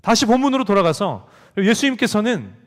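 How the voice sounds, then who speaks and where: A man's voice: sits high, a little fast. A male pastor giving a sermon to a youth group, telling a story and acting out the lines of the people in it. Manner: animated storytelling, acts out quoted dialogue. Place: church sanctuary. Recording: long hall reverb.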